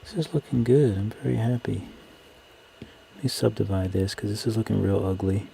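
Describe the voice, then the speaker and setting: A man's voice: on the low side, fairly even intonation, normal speed, dark tone, rough recording. A man casually talking through his work on a live stream, muttering to himself in trailing fragments close to the mic. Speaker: live streamer, digital artist. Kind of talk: casual live-stream commentary while working. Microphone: close microphone. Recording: clear background noise.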